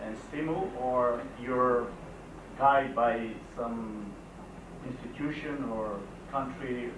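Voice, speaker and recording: Audience man with a halting question, heard from across a reverberant, noisy room. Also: medium pitch. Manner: halting, searching for words. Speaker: audience member asking a question. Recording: distant, echoey, noisy hall recording.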